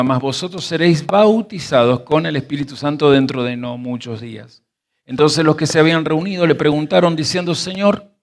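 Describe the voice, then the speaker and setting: A man teaching a sermon. He reads verses, then explains word roots slowly and quizzes his listeners. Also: a little high. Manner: animated, stretches key words slowly. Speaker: pastor teaching scripture.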